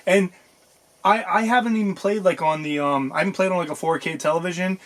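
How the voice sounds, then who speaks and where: Man, podcast co-host, slightly high pitch, loose rambling delivery full of "like" and "um". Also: fast talker. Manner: rambling, animated, many fillers and restarts. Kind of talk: casual chat.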